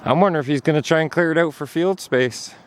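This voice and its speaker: A man's voice: on the high side, fast, a little hiss or hum. A man narrating a casual hiking vlog outdoors on a snowy trail, chatty and at times out of breath. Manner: chatty, talking while hiking, sometimes out of breath. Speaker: vlogger.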